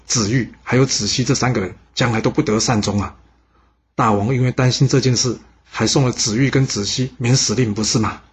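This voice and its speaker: A man's voice: mid-range voice, slightly rough. A man voicing a clever young boy who eagerly reasons with his father.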